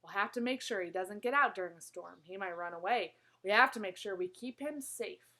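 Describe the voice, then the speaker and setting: A woman reading aloud, voicing a kind, caring preacher father in a calm, reassuring way. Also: medium pitch, fairly quick, voice pushed down.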